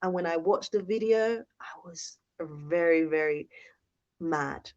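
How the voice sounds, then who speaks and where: A young woman from the United Kingdom, with a lowish, slow voice of darkish tone, hosts a casual live-stream Q&A where she chats, reads viewer comments aloud and thanks them often. It's recorded on a phone held in hand, giving dull lo-fi audio.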